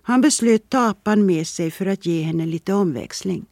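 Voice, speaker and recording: A reader giving calm, measured scripted narration of a literary story. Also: medium pitch, no echo, clean studio sound. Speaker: audiobook reader.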